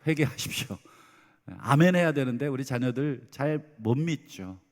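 A middle-aged man preaching a Sunday sermon as senior pastor, lively and dramatizing the voices of parents and children. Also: medium pitch, moderate pace. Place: church sanctuary. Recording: long hall reverb.

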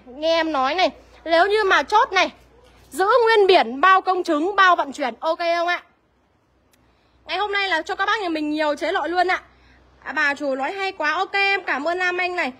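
A young woman, selling used cars on a livestream in a brisk sales patter and answering viewer comments. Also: extremely high pitch, pushed and bright, dry recording. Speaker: used car seller.

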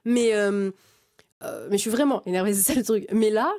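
A woman's voice: medium pitch, normal speed, darkish tone. A woman in her twenties streaming and talking heatedly to her chat, swearing freely and restarting her sentences often. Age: 20s. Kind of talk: casual rant to chat.

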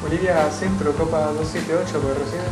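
A pilot making calm radio calls through a cockpit headset in clipped radio phraseology, calling the control center and patiently repeating the call sign. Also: mid-range voice, normal speed. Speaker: airline pilot on a flight-sim network. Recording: echoey radio transmission over loud music.

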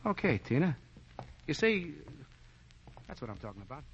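A man's voice: a little high, sing-song, moderate pace, a little hiss or hum. An actor playing a brash, plainspoken American man in 1940s radio acting, stammering and drawling. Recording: dull 1940s radio broadcast.

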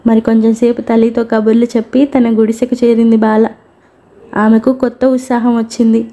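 A woman reading a novel aloud as a storyteller, with steady, even narration. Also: on the high side, fairly quick.

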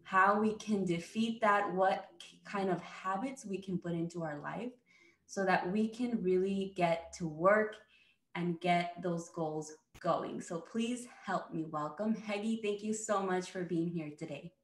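A woman's voice: fairly low pitch, unhurried. A woman in her thirties hosting a podcast interview over a video call, welcoming with an occasional Spanish greeting. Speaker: podcast host. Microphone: video call webcam. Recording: roomy video-call sound.

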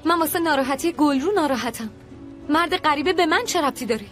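Brief: a nervous pregnant woman, high voice, faint music under her. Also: animated, fairly bright tone. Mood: defensive. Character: pregnant young woman, anxious and defensive. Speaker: dubbing actor. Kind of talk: Persian dub of a TV drama.

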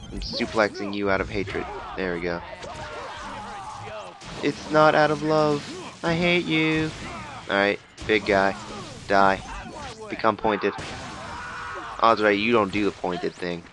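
A young man giving goofy let's play commentary, with sudden loud exclamations while he fights. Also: lowish voice. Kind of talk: gameplay commentary. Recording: game music loud under the voice.

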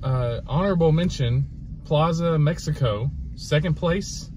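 A man's voice: fairly high pitch, measured pace. A man in his thirties co-hosting a casual chat from a car's passenger seat, teasing in a dry way. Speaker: co-host. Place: parked car, passenger seat. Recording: noisy car interior.

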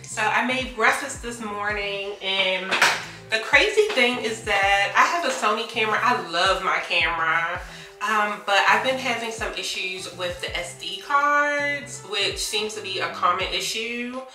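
Chatty bright-voiced woman vlogging. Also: mid-range voice, animated, a little slow, reverberant, recorded from a distance, faint music behind. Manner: chatty and upbeat, gestures while talking. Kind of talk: casual travel vlog talk to camera. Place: bathroom of a small rental cabin, indoors.

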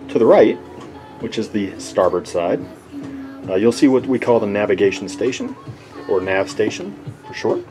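A man giving a casual walkthrough of his sailboat from behind the camera, relaxed and halting with lots of fillers. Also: medium pitch. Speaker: boat owner giving a tour. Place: inside a sailboat cabin. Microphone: handheld camera mic, speaker off camera.

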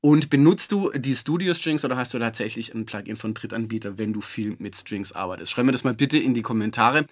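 A man giving a relaxed, chatty music-software tutorial, with fillers and self-corrections. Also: mid-range voice, a little fast, hardly any pauses, no echo, studio quality. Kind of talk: screen-recorded software tutorial.

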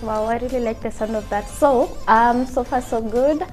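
A soft-spoken Kenyan woman in her twenties, politely questioning men on a dating show in a TV studio. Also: fairly high pitch, normal speed, soft background music. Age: 20s.

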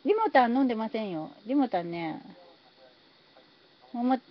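With lively intonation and a moderate pace, a woman with a fairly high voice chats casually on a phone live stream as she builds, thanking viewers for their comments. Faint noise and a slightly dull quality mark the audio.

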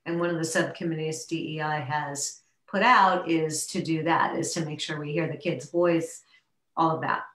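A woman with a low voice chairs a town board meeting, halting and filling pauses as she goes. Her voice sits in a roomy, echoing space, as heard on a remote video call. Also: fairly even intonation, fairly bright tone. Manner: halting, with many fillers and restarts. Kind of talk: public meeting discussion.

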